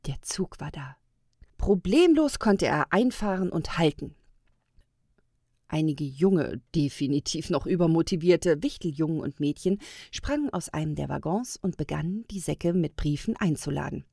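A woman reads a storybook tale aloud in a calm, measured way. Her voice is fairly low with a gravelly edge, and her pitch moves a lot. The recording is close and dry, without room sound. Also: dry recording. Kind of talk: storybook narration.

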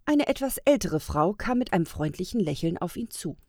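A woman narrating a fairy tale in a calm, measured reading. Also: on the low side, no echo, studio quality. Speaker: storyteller. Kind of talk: storybook narration.

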